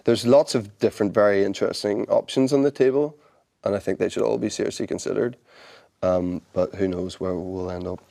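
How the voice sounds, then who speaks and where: A Northern Irish man speaking in a fairly low voice as an interview guest. He answers thoughtfully and a little haltingly, often stumbling over his first words and starting again. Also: creaky, mellow. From Northern Ireland. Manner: thoughtful, hesitant, repeats words as he restarts. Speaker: actor guest. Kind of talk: interview conversation.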